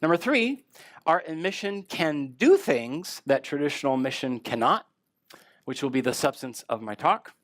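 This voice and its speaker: A man speaking at a conference, giving a lecture with relaxed, self-deprecating humor. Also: on the high side, normal speed, no room sound. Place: conference hall.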